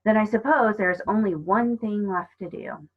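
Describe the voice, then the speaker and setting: An earnest, stubborn young storybook girl, read out by a woman, speaking firmly and a touch higher. She sounds determined and serious. The recording is dull and lo-fi. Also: normal speed, lightly acted.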